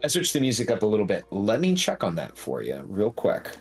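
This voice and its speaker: A man's voice: on the low side, wildly swooping pitch, a little fast, a little mellow, slightly rough. A man running a tabletop game as game master, narrating casually to the players. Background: faint music.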